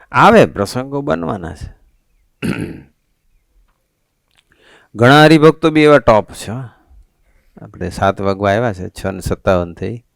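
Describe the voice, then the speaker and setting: A monk preaching a sermon to a family assembly, telling stories in an animated, conversational way. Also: male voice, fairly low pitch, clear, resonant tone, dry recording, clean studio sound. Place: assembly hall at a resort.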